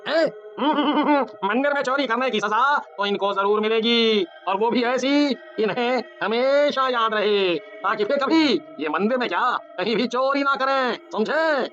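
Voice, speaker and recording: A man puts on cartoon village men, with a temple priest among them, in a very high, bright, strained voice. He drags out his taunts slowly and sneeringly. The sound is muffled and lo-fi, with music underneath. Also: expressive, full character voice. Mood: scornful. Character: comic village men, priest and neighbors, mocking.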